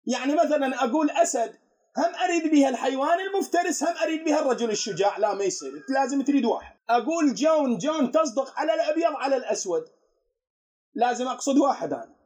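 Fast, very high-voiced Iraqi cleric. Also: male voice, lively intonation, a little mellow. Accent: Iraqi Arabic. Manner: explanatory, poses rhetorical questions to his students. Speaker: cleric teaching religious students. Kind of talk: religious lesson.

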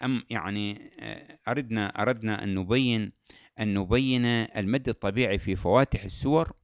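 A man teaching Quran recitation rules, explaining patiently, repeating key terms and chanting verse examples slowly. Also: lowish voice, smooth, dry recording, dull audio. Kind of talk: tajweed lesson.

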